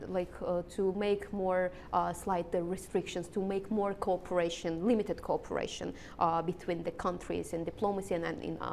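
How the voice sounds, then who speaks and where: A woman with an Azerbaijani accent giving political interview answers, haltingly searching for words as she explains. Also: darkish tone. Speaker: interviewed analyst. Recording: rumbling background noise.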